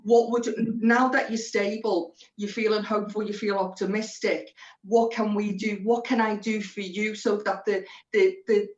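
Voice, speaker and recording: A woman is being interviewed on radio about her work. Her delivery is earnest and explanatory, with little pitch movement. The sound is a little dull and lo-fi. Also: fairly even intonation, normal speed. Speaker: social prescriber being interviewed.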